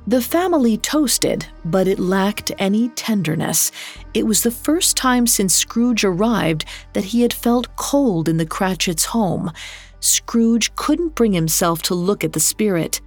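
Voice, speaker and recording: A woman narrating a scripted story in a measured, dramatic way. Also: medium pitch, animated, soft background music.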